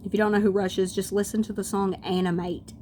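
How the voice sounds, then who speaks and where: A young woman with a scratchy, mid-range voice chats casually at home while showing off makeup, rambling through tangents. Her delivery is flat, quick, and dark in tone, like a beauty vlogger.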